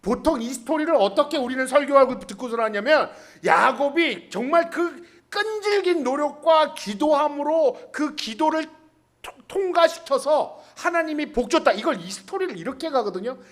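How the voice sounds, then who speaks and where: A man's voice: extremely high pitch, expressive, moderate pace. A man preaching a colloquial, joking sermon as a pastor, telling stories and acting out the dialogue in character voices. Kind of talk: storytelling sermon. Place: church in Hanoi.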